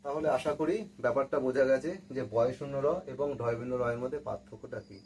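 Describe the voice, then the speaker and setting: A man's voice: mid-range voice, steady tone, quick pace, darkish tone, slight background noise, low-quality recording. A man teaching a pronunciation lesson, patiently repeating example words and asking questions. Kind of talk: spoken language lesson.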